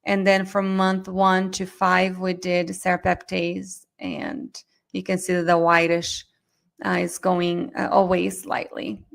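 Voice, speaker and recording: A middle-aged woman lecturing in a quick, conversational way. Her voice has a gravelly fry at the ends of phrases. She keeps checking in with her listeners as she teaches. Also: fairly low pitch, completely flat delivery. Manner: fast, chatty, addresses audience directly. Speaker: myofunctional therapy instructor. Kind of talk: live online webinar lecture.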